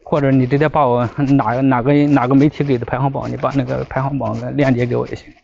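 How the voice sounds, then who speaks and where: A man's voice: mid-range voice, flat delivery, fast talker, gravelly, darkish tone. A man chatting casually and insistently, repeating his requests as he talks. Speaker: vlogger asking an AI assistant questions. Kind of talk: casual chat. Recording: muffled, noisy ambient recording.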